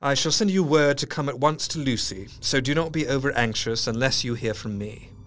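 An actor playing an earnest young doctor, reading letters and diary entries in a measured way. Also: male voice, medium pitch, fairly bright tone, close to an everyday voice.

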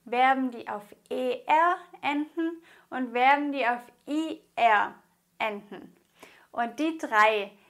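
High-voiced woman teaching slowly. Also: fairly bright tone. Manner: patient, encouraging, spells out endings and repeats. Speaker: language teacher. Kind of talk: spoken grammar lesson.

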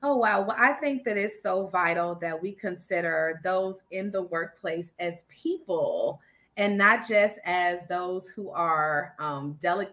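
A woman's voice: lowish voice, unhurried, fairly bright tone. A woman speaking as a guest on a panel discussion, earnest and thoughtful.

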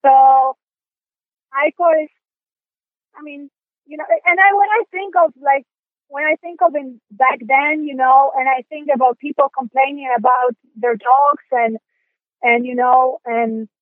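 A woman from Poland with a Polish accent, answering interview questions in a high voice. She talks in halting bursts, full of restarts and fillers. She sounds dry and tinny, as if over a phone line. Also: steady tone, no room sound. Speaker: guest, dog sport competitor. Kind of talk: interview conversation.

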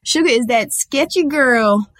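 A woman's voice: sits high, measured pace. A woman delivers a motivational talk in a casual, colloquial way, hammering her points with emphatic repetition. She acts out her own past thoughts as she goes. The sound is dry and close, with no room echo. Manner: colloquial and conversational, addressing listeners directly. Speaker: motivational speaker on diet and sugar.

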